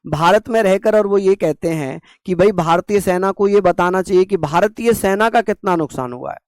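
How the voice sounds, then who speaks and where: High, resonant male teacher lecturing. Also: no room sound, clean studio sound. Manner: rhetorical questions, repeats key terms slowly. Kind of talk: classroom lecture on the constitution.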